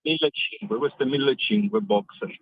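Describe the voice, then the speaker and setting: A man calling in on speakerphone while driving, explaining plans in a halting, step-by-step way as an event organizer. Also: medium pitch, sing-song, creaky, slightly rough, no room sound. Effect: on speakerphone over a phone line while driving. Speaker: phone-in guest, event organizer. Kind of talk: casual phone chat on radio. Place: in a car. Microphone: hands-free car speakerphone. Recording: dry, tinny phone line.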